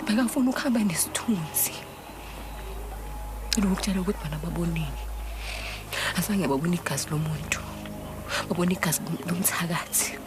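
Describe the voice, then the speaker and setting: A woman's voice: on the low side, a little fast, long pauses, very noisy, natural voice. An actress playing a frightened young woman in a TV drama, speaking urgently and pleading, often dropping to a whisper. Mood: urgent, fearful. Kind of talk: TV drama acting.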